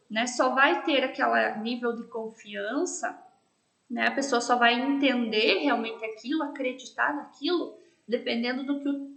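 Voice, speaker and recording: A woman's voice: fairly high pitch, gravelly, a bit bright, roomy sound. A woman teacher with a Brazilian accent from Paraná, giving a recorded class lecture in an explanatory way and often ending with "né?". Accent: Brazilian Portuguese, Paraná. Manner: explanatory, frequent tag questions "né?".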